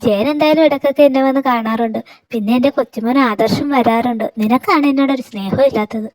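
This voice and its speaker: A woman's voice: a little high, quick pace, a little mellow, no room sound, lightly acted. A woman voicing a domineering older woman and grandmother who scolds, mocks and gives orders. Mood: reproachful. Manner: scolding, sarcastic, commanding.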